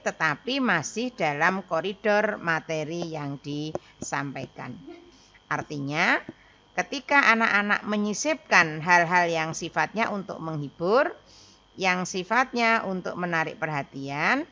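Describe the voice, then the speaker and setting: A woman teacher from Indonesia takes her pupils through a lesson, patient and methodical. Her voice is slow and bright, sitting a little low, and the recording is dull and lo-fi. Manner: addresses pupils as children, explains step by step.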